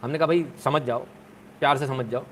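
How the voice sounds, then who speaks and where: A man's voice: medium pitch, fairly even intonation, fairly quick, a bit bright, a little hiss or hum. A man hosting a live stream, chatting casually with viewers in a joking, sarcastic way.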